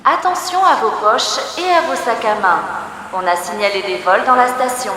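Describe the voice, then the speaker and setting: A woman's voice: fairly high pitch, animated, faint music behind. A woman making a formal announcement over a PA system in a metro station. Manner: measured, formal delivery. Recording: echoey, distant station loudspeaker.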